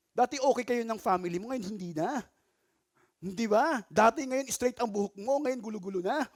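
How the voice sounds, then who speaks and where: A male pastor with a Filipino accent preaches in church with an unusually high voice. He moves from loud, emotional calls down to soft, hushed lines, mixing English into his talk. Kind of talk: sermon.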